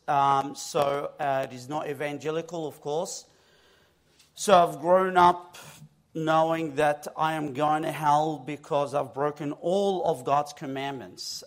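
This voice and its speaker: A man from Egypt, a guest preacher, giving his personal testimony on a church stage into his own mic, telling it with lively, self-mocking humor. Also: fairly high pitch.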